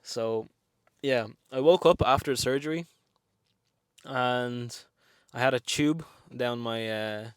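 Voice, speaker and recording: Here a Lithuanian vlogger in his 20s, raised speaking Lithuanian and Russian, tells the camera a story from his life in English, his accent clearly Lithuanian. The delivery is frank, chatty, and heavy on fillers, with a smooth, medium-pitched voice at an unhurried pace. The sound is dry and studio-clean.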